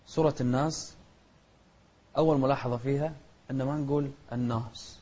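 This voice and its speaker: A man teaching Quran recitation rules, switching between quick explanations and slow, chanted example verses. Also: medium pitch, steady tone, warm tone. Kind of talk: tajweed lesson with recited examples. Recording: dull lo-fi recording.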